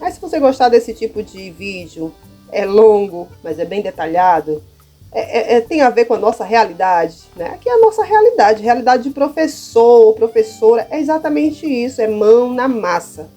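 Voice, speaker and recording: With faint music in the background, a Brazilian woman who teaches primary school chats casually through a how-to on classroom material, frequently checking on her audience. Her voice is a little high and mellow, with lively intonation at a moderate pace, and she has a Brazilian Portuguese accent.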